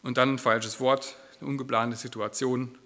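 A man's voice: medium pitch, flat delivery, normal speed, a bit bright. A man preaching a sermon in church, acting out quoted lines with a shifting voice.

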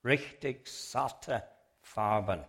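A slow-talking man with a mid-range, slightly bright voice and some vocal fry gives an illustrated religious talk. The public lecture has a sermon message, and he explains things deliberately while addressing the audience directly.

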